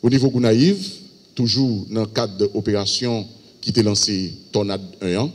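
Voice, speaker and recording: Haitian-accented man, police spokesman at a briefing, fairly low voice, halting delivery, long hall reverb. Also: breathy edge. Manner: halting, reading out a list of cases. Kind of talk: press briefing.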